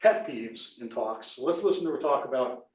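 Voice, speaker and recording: A man's voice: medium pitch, expressive, moderate pace. A man leading a workshop on presentation skills, talking casually and loosely with many fillers and restarts. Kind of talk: casual live workshop talk. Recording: echoey room from far off.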